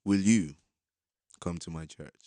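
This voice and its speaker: A man's voice: deep voice, unhurried, mellow, no echo, clean studio sound. A man, co-hosting a casual podcast, teasing and playful with a mock-preachy streak. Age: 30s. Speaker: podcast co-host. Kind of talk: casual banter.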